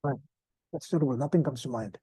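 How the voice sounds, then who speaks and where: A man teaching an informal spoken lesson, relaxed and self-deprecating, often restarting his sentences. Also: mid-range voice, fast talker, breathy edge, no echo. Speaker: meditation teacher.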